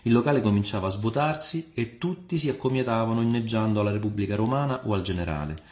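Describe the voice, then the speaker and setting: A man narrating a scripted historical story in a measured storytelling manner. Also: on the low side, expressive, darkish tone. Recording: roomy room with faint music.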